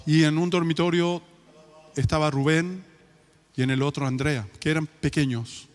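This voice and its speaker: A man's voice: on the high side, normal speed. A man with a Chilean accent preaching a sermon, telling a family story and then pleading with passion. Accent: Chilean Spanish. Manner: storytelling, rising to impassioned pleading. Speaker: pastor. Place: church. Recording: reverberant church hall with music.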